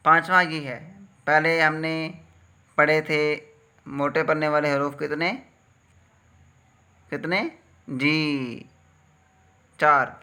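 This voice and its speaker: A man's voice: a little high, little pitch movement, slow, pauses often, bright, forceful tone, clean tone. A man from Pakistan with a Pakistani Urdu accent, teaching Quran letter reading in a patient step-by-step lesson and drawing out each letter sound. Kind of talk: slow step-by-step recitation lesson.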